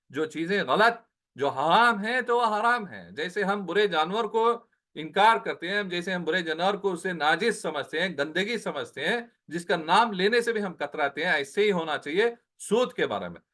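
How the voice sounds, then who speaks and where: A man with a fairly high voice teaches a Quran translation lesson. He explains each word in turn, repeats Arabic terms slowly and asks his listeners rhetorical questions. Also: bright, forceful tone. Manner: explains word by word, mixing in English phrases; slows down on Arabic words, repeats them.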